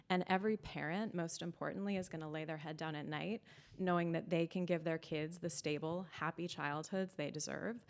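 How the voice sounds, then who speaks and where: A woman from a nonprofit giving an earnest, prepared speech at a building opening, with frequent ums. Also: on the low side. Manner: earnest, with many filler ums. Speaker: nonprofit leader speaking at an opening.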